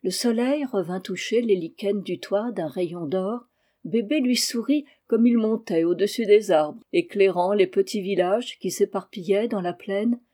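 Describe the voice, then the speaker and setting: A woman narrating a storybook chapter in a calm, measured way. Her voice is mellow and warm, with a middle pitch and an even, unhurried delivery. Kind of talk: audiobook narration.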